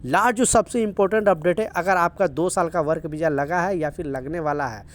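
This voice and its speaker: A man's voice: a little high, fairly quick. A man giving casual video news updates for workers in the Gulf, earnest and repetitive, urging viewers to take care. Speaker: news vlogger for workers in the UAE.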